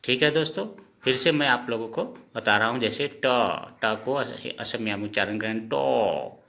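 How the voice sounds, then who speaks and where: A man teaching a lesson, repeating each sound slowly and asking his own questions before answering them. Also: medium pitch, pushed and bright. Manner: often says "okay friends". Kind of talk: slow spoken lesson.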